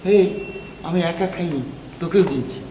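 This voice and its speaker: An actor playing a guarded, greedy factory boss who speaks curtly. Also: male voice, high voice, moderate pace, natural voice. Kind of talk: TV drama acting. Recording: echoey room, clear noise.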